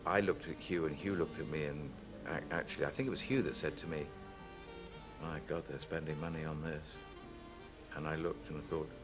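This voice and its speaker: Deep, gravelly man recalling his work. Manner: animated, anecdotal storytelling. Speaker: actor interviewed. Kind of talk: reflective documentary interview.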